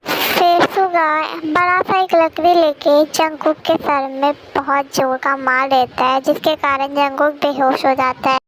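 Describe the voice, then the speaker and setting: A woman's voice: high-pitched, steady tone, measured pace, few pauses, slight background noise, low-quality recording. A woman narrating a fan-dub story in a plain, matter-of-fact way, with music underneath.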